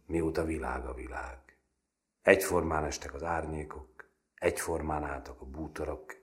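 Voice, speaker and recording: Very deep-voiced man reading a novel. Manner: measured reading that drops to a hushed, breathy trail at phrase ends. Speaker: narrator. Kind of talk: audiobook literary narration.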